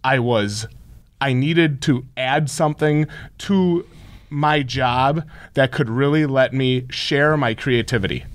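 A man who runs a store, talking as a guest in a casual interview, telling stories in a rambling, animated way with frequent restarts. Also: mid-range voice, slow, clean tone, dry recording.

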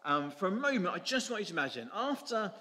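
Preacher, chatty storytelling sermon, voice jumps around a lot, echoey church. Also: male voice, high-pitched, sing-song, fast talker, bright, forceful tone. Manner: storytelling, informal asides.

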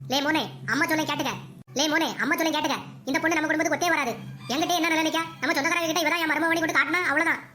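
A woman voicing a bossy, sarcastic older mother-in-law in a cartoon, nagging rapidly. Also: sits high, steady tone, pushed and bright, faint music behind. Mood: scolding. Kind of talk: cartoon voice acting.

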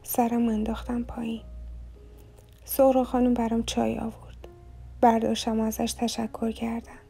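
A woman reading a novel aloud as an audiobook narrator, in a soft, even storytelling manner. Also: fairly high pitch, gravelly, husky, soft background music.

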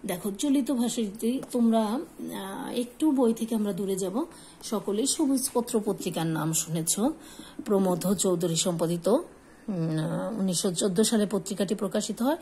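Patient woman teacher, mellow voice. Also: medium pitch, moderate pace, a little hiss or hum, poor audio. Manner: patient, asks and answers her own questions. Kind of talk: recorded Bengali grammar lesson.

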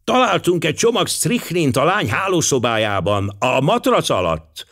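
A man voicing a brisk, practical male police inspector who talks in a plain, businesslike way. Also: fairly high pitch, big pitch swings, fairly bright tone, pitched above the performer's own voice.

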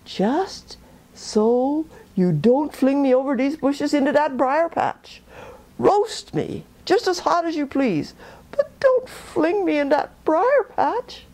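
A woman puts on a sly little male rabbit from a storybook, squeaking high and swooping wildly as he begs with overdone fear. The voice has a gravelly edge underneath. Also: big pitch swings, takes it slowly, a little mellow, exaggerated voice. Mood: pleading. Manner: exaggerated begging, mock fear. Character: sly pleading small male rabbit trickster.

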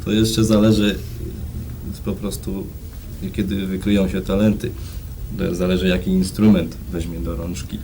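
Deep, dark-voiced young man on old tape. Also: little pitch movement, moderate pace. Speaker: rock band musician, interview guest. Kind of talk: casual interview talk. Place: TV studio. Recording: noisy 1990s TV studio tape.

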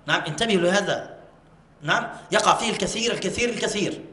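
A man teaching Quran recitation rules, repeating words slowly and drawing them out to show the pronunciation, in a mosque. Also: high-pitched, sharp tone. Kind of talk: tajweed lesson with demonstrated recitation. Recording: echoey mosque hall.

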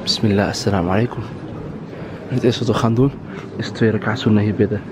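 A man's voice: fairly low pitch, steady tone, fast. A man vlogging casually in slang mixed with Arabic and English, bossy and bantering. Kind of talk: casual vlog chat. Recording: noisy handheld vlog audio.

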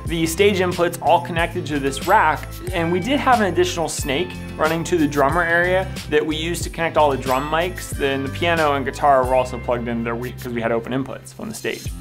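Upbeat young man narrating a tech walkthrough. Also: fairly high pitch. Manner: upbeat, enthusiastic. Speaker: video producer narrating. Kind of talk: scripted voice-over walkthrough. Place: small room with blue wall.

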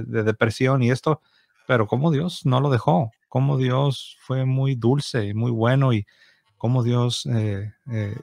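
A man's voice: medium pitch, dry recording. Hesitant male host, dry studio sound. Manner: hesitant, many fillers and restarts while searching for words. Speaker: interview host. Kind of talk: casual interview talk. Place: home studio with bookshelves. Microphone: studio mic on boom, headphones.

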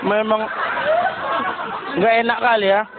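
A man from performs stand-up comedy, a very high voice telling animated stories and slipping into other people's voices. The recording is narrow and phone-like, with clear background noise under his voice. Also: slow, a loud crowd. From Medan, North Sumatra.

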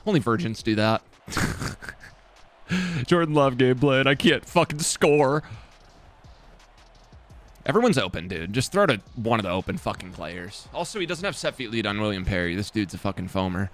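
A young man giving casual, self-mocking commentary on his football video game, swearing often and swinging from excited yelling to low mumbling. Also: fast. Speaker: gaming YouTuber.

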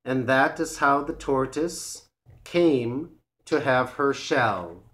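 Male narrator for learner stories, very slow and deliberate, mid-pitched. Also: a bit bright. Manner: slow, clear and measured reading. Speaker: English teacher. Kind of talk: storybook read-aloud for English learners.

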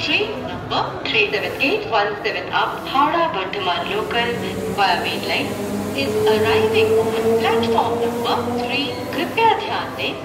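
A woman's recorded train announcement plays over a station PA loudspeaker. She speaks slowly and formally, and her fairly high voice rises and falls a lot. It reaches the platform from a distance, with a strong echo. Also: very animated. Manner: slow, measured, formal announcing. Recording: echoey, distant PA sound with loud music.

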